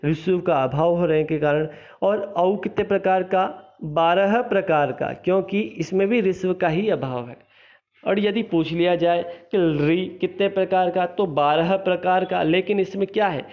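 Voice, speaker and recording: A man's voice: sits high, a little slow. A male teacher, explaining a grammar lesson and repeating each point as a question he then answers. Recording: slightly dull, lo-fi recording.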